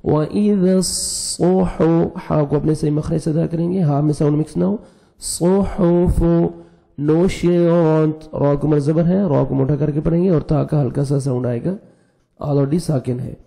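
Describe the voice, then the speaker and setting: A man teaching a tajweed lesson online. He chants the verses slowly and melodically, then explains the pronunciation rules quickly. He has a slightly sore throat. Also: fairly high pitch, fairly even intonation, gravelly, warm tone. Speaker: Quran recitation teacher.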